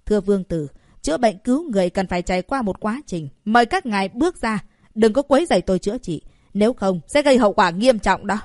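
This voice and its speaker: A woman's voice: medium pitch, lively intonation, fast talker, darkish tone, no room sound, natural voice. A young doctor speaks in a firm, serious and composed manner, as a woman reading the story plays him. The voice stays close to the reader's own, dry and near the mic. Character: calm steady young male herbal doctor.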